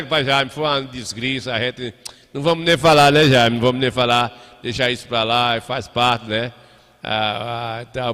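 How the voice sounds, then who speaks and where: Folksy man, bright voice. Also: medium pitch. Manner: folksy, chatty, calls listeners compadre. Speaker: radio host. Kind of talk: casual live chat. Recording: echoey hall.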